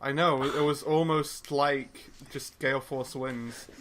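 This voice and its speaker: A man co-hosting a casual podcast, cracking jokes in a dry, deadpan way. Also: mid-range voice, unhurried. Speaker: podcast co-host.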